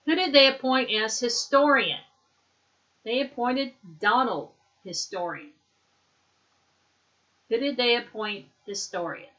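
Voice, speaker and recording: Woman, English teacher, slow drill pace, bright clear tone, patient explanations. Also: medium pitch, muffled recording. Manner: patient, explains words and pronunciation. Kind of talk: slow classroom drill, repeat after me.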